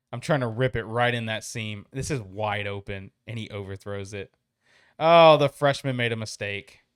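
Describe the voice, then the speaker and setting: A young man gives casual live-stream commentary on a college football game, laughing often and reacting to chat. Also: on the low side. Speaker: gaming streamer.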